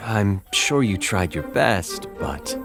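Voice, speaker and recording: A man's voice: lowish voice, sing-song, slow, gravelly, over music, exaggerated voice. A man voicing a formal, literal-minded robot with stiff, precise speech in an audio drama. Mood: tactful, formal.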